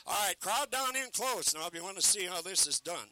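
A man working as a carnival sideshow talker, pitching live to a crowd in teasing, declamatory showman's patter. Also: animated, brisk, pushed and bright, dry recording, low-quality recording.

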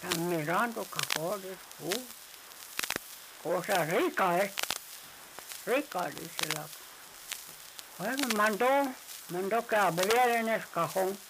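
A man telling a folk tale aloud, rambling and halting, repeating his phrases. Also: sits high, expressive, noisy background. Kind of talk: oral folk tale storytelling.

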